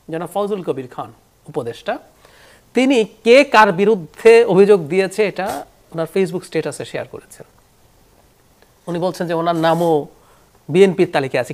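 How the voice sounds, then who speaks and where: Animated, high-pitched male political analyst. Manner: animated, explanatory, mixes in English terms. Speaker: talk show guest analyst. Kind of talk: political talk show commentary.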